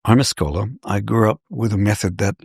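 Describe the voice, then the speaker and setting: An older male scholar from New Zealand, giving measured, professorial answers in an interview. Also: lowish voice, creaky, a little mellow, husky, no room sound, studio quality. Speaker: scholar guest.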